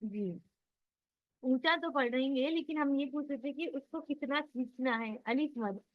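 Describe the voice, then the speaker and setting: Woman teacher, high-pitched, patient, quizzes students, online class, dull lo-fi audio. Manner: patient, drills sounds slowly and quizzes students. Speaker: Quran recitation teacher.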